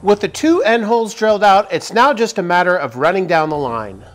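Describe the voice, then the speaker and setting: Brisk and animated, this high-voiced woodworking channel host, a man in his forties, explains a tutorial step by step with upbeat energy inside a large indoor workshop. A little hiss or hum runs underneath.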